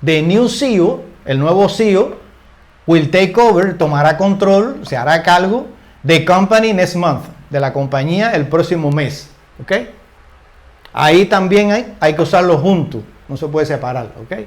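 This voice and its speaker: An older man giving a relaxed English lesson, often ending phrases with little tag questions and repeating words as he searches for the next one. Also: high-pitched, unhurried. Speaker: English teacher. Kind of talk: casual spoken grammar lesson.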